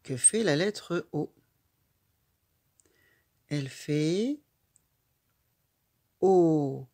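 A woman teaching a young child to read, sounding out syllables slowly and patiently. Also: lowish voice, animated, creaky, darkish tone. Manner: slow, patient, spells out sounds one by one. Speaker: reading teacher. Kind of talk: slow phonics lesson for a young child.

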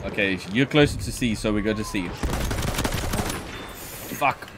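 A man co-hosting a gaming video, excitably bantering and swearing through a shooter match on a headset. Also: on the low side, measured pace. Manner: excitable, swearing, self-mocking. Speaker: gaming channel co-host. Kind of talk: casual gameplay banter. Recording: game gunfire noise behind voice.

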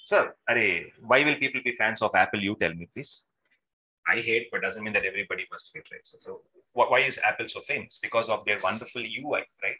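A man's voice: on the low side, a little fast, sharp tone, rough recording. A man teaching an informal, interactive online lesson, often saying sir and checking in with short questions. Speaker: instructor. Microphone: video call microphone.

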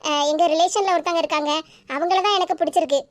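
Super high squeaky cartoon bride, college girl, kanyakumari tamil, stubborn, a woman doing her. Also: steady tone, fast talker, no echo. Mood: firm. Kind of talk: animated cartoon voice acting.

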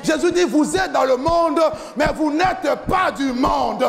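A man in his forties preaching an impassioned sermon from a church stage into a handheld mic, often shouting in a chanting cadence. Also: very high voice, unhurried, vocal fry, faint music behind, a faint crowd. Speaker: pastor. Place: large church hall with a stage, indoors.

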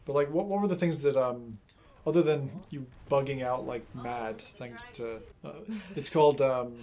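A middle-aged man with a creaky voice, casually explaining things in conversation as a streamer hosting a gaming chat. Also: medium pitch, moderate pace, warm tone, a little hiss or hum. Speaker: streamer and host. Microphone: binaural recorder, seated in headset.

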